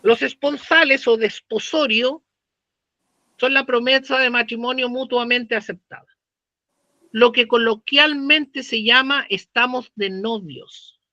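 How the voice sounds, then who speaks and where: A man's voice: extremely high pitch, unhurried, sharp tone, no echo, lo-fi sound. A man with a Chilean accent teaching law, talking casually with slang and asking the class questions. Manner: conversational, uses slang and rhetorical questions. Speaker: law professor. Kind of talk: lecture.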